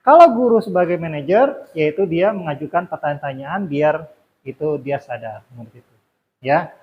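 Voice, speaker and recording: A man's voice: a little high, lively intonation, moderate pace, lo-fi sound. A man talking fellow teachers through a lesson in an informal, explanatory way, repeating points with fillers and self-corrections.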